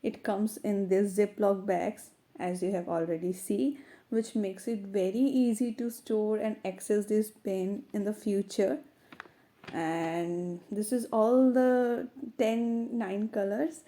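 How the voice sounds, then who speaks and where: A woman's voice: mid-range voice, fairly even intonation, takes it slowly, warm tone. A woman with an Indian accent narrating a casual product review, her voice affected by a cold.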